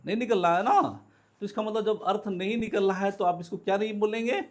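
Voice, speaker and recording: A man with a high voice teaches a grammar lesson to his class. He keeps posing questions and answering them himself, and he repeats every key word so the students can follow. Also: fairly even intonation, quick pace. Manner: calls students "beta". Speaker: English teacher. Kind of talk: classroom lecture.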